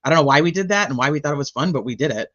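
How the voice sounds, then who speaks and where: A woman's voice: low-pitched, lively intonation, very fast, a bit bright, dull audio. Chatty woman rambling through a trial recap. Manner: rambling, chatty, with frequent fillers and laughs. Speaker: true crime channel host. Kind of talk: casual trial recap commentary.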